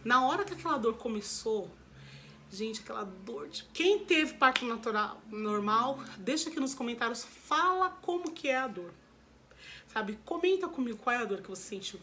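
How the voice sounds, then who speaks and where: A Brazilian woman with a fairly high voice speaks straight to her viewers and tells a painful personal story. She talks candidly and with emotion, and she often circles back to repeat a point. A faint hum sits behind her voice. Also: expressive, moderate pace, a bit bright. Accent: Brazilian Portuguese. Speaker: vlogger.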